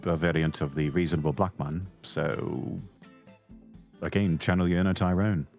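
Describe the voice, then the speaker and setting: A man narrating a video game on stream in a dry, measured way. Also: low-pitched, fairly even intonation, creaky, a little mellow, muffled recording, soft background music. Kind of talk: reading game text aloud on stream.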